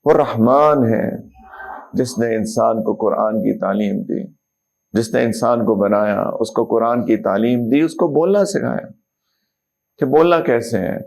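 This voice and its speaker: A man's voice: mid-range voice, vocal fry, darkish tone. A middle-aged man, an Islamic scholar, giving a motivational talk to young people, asking rhetorical questions and reciting verses. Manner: rhetorical questions, mixes English words, recites Quranic verses. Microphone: speaker system to a live audience.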